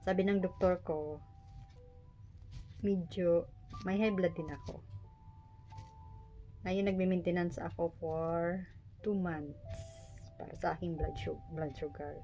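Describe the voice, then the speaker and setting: A warm, lowish voice belongs to a Filipino vlogger in her forties who is missing her front teeth. In a small private room, she prepares food and chats casually with viewers, joking around and making fun of herself.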